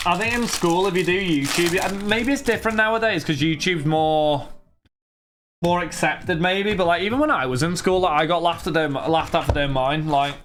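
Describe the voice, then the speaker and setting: A man in his twenties opens trading cards on a live stream, answering viewers in a loose, chatty way and rambling from one thought to the next. His voice sits a bit high for a man and sounds sharp, with a little hiss or hum.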